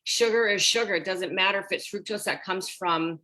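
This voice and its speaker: On a low-quality recording, a sixties-aged women's health coach speaks briskly at medium pitch during a group video call. Animated, she addresses everyone directly as "you guys."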